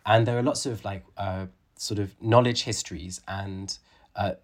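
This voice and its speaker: With a lowish voice, fairly even intonation and normal speed, a late-thirties biologist and author talks through a conversational interview as a guest. He is thoughtful but often restarts and fills pauses with fillers.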